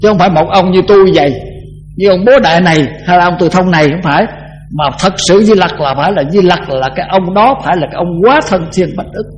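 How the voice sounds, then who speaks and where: An older man, a Buddhist monk, giving a conversational dharma talk that often repeats words and slows down to chant verses. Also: sits high, slight background noise, low-quality recording.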